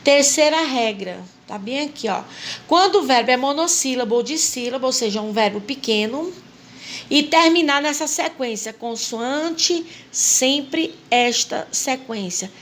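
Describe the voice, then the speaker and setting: Woman teacher, high voice, patient step-by-step explainer, recorded lesson with faint noise behind. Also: moderate pace. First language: Portuguese. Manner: patient, spells out rules step by step and repeats them. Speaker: English teacher.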